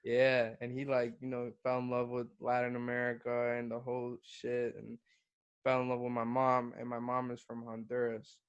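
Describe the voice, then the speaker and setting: A young man from Guatemala chats loosely as a podcast guest, keeping his pitch level and even. He drops casual swears and keeps saying bro. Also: normal speed, clear, resonant tone, dull audio. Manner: laid-back, swears freely, calls the host bro. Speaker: podcast guest, hip-hop artist. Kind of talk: casual interview chat.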